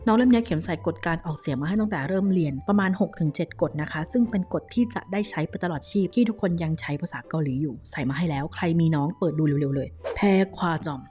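Mellow-voiced Thai woman teaching Korean. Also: low voice, fast, hardly any pauses. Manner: lively, coaxing, drills words syllable by syllable. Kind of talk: casual video lesson.

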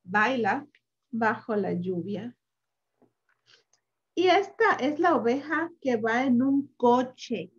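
A high-voiced woman reads a picture book to small children, drawing her words out slowly in a sing-song, animated way. She adds playful sound effects and asks the listener questions. The recording sounds dull and lo-fi. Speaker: children's story reader.

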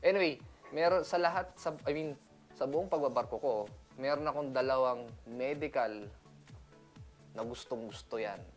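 A man's voice: medium pitch, normal speed, pauses often, faint music behind. A man from the Philippines, a seaman, talking casually in a chatty vlog, laughing often and mixing in English. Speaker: seaman vlogger.

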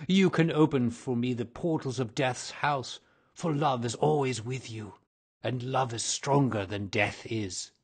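A man voicing a lonely, weary old male ghost who talks meekly and longs for rest, with a husky, dreamy voice. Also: on the low side, fairly even intonation, measured pace. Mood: longing. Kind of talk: audiobook drama reading.

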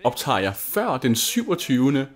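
A young Danish man runs a gaming channel, and his mid-range voice is very animated. He chats casually over gameplay, rambling and gushing, with lots of fillers and restarts.

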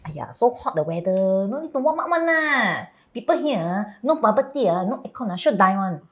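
A woman's voice: medium pitch, big pitch swings, brisk, highs cut off, lightly acted. A woman playing a chatty, blunt Singaporean character in a comedy series, speaking colloquial Singlish with lah and lor. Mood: matter-of-fact. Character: chatty, blunt Singaporean Indian woman raised in a Chinese household. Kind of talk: scripted comedy series dialogue.

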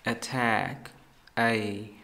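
A man's voice: on the low side, level tone, gravelly, bright, forceful tone. A man teaching a phonics lesson, repeating each word with exaggerated stress to model how it should sound. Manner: deliberate, repeats words to model pronunciation. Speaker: English teacher.

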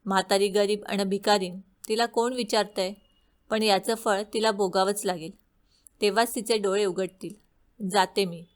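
A woman's voice: mid-range voice, steady tone, normal speed, lightly acted. Woman voicing an indignant old beggar woman. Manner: bitter scolding. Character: angry poor old beggar woman, a goddess in disguise.

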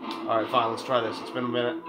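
Excitable man playing a video game. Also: medium pitch, fast talker. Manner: excitable, exclaims and talks back to the game. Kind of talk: casual let's play commentary. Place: room indoors in front of a TV. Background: game music and sounds.

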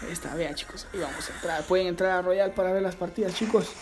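A man hosting a live gameplay stream, chatting excitedly and reading viewer messages aloud. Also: sits high, quick pace. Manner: excitable, reads viewer chat aloud, shouts at the game. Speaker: livestreaming gamer host. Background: game music.

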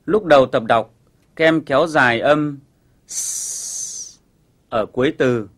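Patient male teacher for a kids' TV English lesson, steady mid-pitched voice, clear step-by-step delivery. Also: normal speed.

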